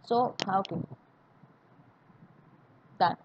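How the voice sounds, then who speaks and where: A woman with an Indian accent teaching a maths class online, repeating each point and asking students questions to check they follow. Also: drawn-out words. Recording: dull lo-fi audio with faint hiss.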